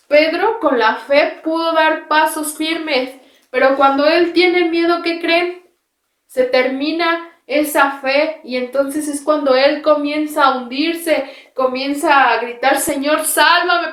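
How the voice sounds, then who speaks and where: A woman teaching a Bible lesson to children, telling the story slowly and acting out the cries for help. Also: sits high. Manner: slow, animated storytelling that acts out cries for help. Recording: echoey room.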